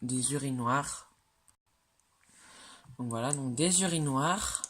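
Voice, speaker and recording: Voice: medium pitch, takes it slowly, a bit bright, slight background noise. A speaker casually narrating a walkthrough of their own game builds, hesitant, with many fillers and self-corrections, joking about their own slips. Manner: chatty, jokes at own slips. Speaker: game creator showing builds.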